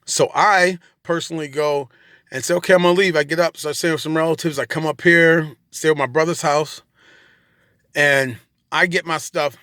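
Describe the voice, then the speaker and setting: A man's voice: fairly high pitch, fairly even intonation, moderate pace, pushed and bright, no echo, studio quality. A man telling his own story straight to camera, indignant and sarcastic, venting with sudden heated bursts.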